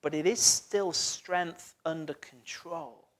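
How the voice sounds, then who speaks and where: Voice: mid-range voice, steady tone, slow. A preacher giving a sermon, talking conversationally and putting questions to the congregation, with the voice often sinking almost to a whisper.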